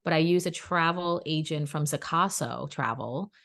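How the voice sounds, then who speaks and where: A woman's voice: moderate pace, vocal fry. A woman co-hosting a podcast, telling a personal story in casual chat and acting out what others said. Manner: animated, acts out quoted dialogue in pitched-up voices; chatty and emphatic, addresses listeners as "guys". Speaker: podcast co-host.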